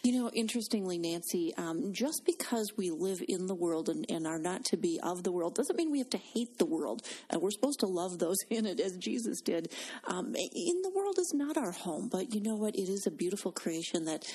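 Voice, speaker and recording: Husky woman co-hosting faith talk. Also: lowish voice, lively intonation, normal speed, warm tone. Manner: earnest, frequent fillers and restarts. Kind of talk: faith-based conversational talk.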